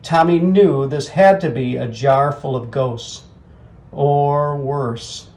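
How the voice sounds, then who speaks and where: A man narrating a bedtime story for children in an animated, comic storytelling manner. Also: medium pitch, takes it slowly.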